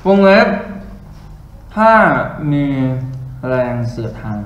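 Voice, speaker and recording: A man tutoring physics in a classroom lecture, chatty and joking with his students as he works through problems on the board. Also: slow. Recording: roomy classroom with faint ambience.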